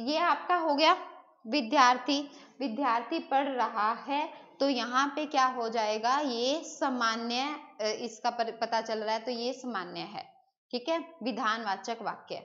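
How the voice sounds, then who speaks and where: A woman with a fairly high, somewhat bright voice teaches Hindi grammar live online, answering students' chat messages in a chatty way and mixing English words into her speech. The top end of the audio is cut off.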